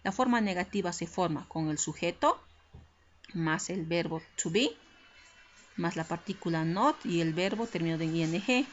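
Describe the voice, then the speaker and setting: A woman's voice: lowish voice, normal speed. A woman teaching English grammar in a recorded lesson, explaining patiently step by step and checking in with her students. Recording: slightly muffled lo-fi recording with faint hiss.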